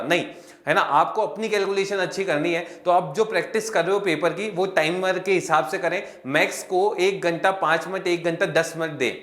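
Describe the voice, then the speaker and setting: A chatty young man explains exam questions to his students in a fairly high voice, stopping often to ask if they are following. The room echoes around him. He talks like a friendly teacher running a casual lesson. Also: fairly bright tone. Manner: chatty, addresses students as kids, repeats "clear hai kya".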